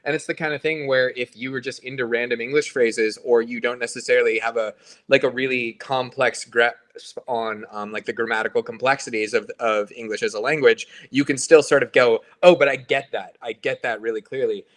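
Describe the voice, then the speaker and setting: A man's voice: mid-range voice, steady tone, fairly quick, fairly bright tone. Male band member, mid-range voice, rambling casual podcast chat. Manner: rambling, hedging, full of fillers and restarts.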